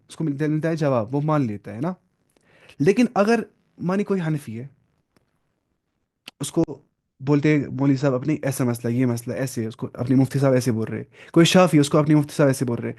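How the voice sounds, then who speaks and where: Man, higher-pitched voice, informal classroom lecture, repeats key terms, drops in English phrases. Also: dark tone. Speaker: religious studies teacher.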